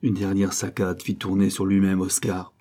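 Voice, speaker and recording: Male narrator for a short story, low and husky, measured dramatic delivery. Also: little pitch movement, dark tone.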